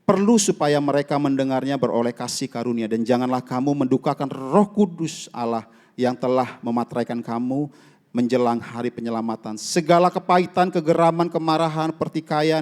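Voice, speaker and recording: A man preaching a sermon in a church, swinging from loud emphatic lines to hushed personal storytelling. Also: medium pitch. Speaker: evangelist preaching. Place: church sanctuary. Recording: long reverb of a church hall.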